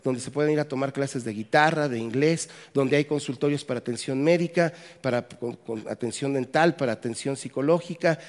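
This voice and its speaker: With a slightly high, somewhat mellow voice, this Mexican man preaches at a conference in a Mexican Spanish accent. He jokes around and quizzes the crowd as he goes. The hall gives his voice a long reverb.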